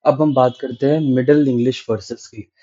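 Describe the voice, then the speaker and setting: A male literature teacher lectures in mixed Hindi and English, explaining step by step and often checking with the class. His voice is dark and mellow, and the recording sounds dull and lo-fi. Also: medium pitch, steady tone, a little fast. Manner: explains patiently, checking in with 'right?'.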